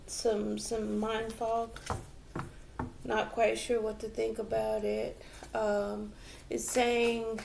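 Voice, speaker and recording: A woman giving a tarot reading to viewers, slow and reflective, with many fillers and restarts. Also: a little high, gravelly, darkish tone, slight background noise. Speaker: tarot reader.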